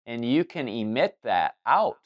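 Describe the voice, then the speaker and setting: On a muffled recording, a man hosting a spiritual talk gives a loose monologue, restarting sentences and circling back with fillers. His medium-pitched voice is sing-song and unhurried, and he rambles.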